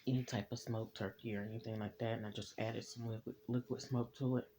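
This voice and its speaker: A man talking casually in a personal vlog, relaxed and reflective, eating as he talks, recorded on a phone at home. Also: medium pitch, fast talker, noisy background. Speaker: vlogger. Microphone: phone camera.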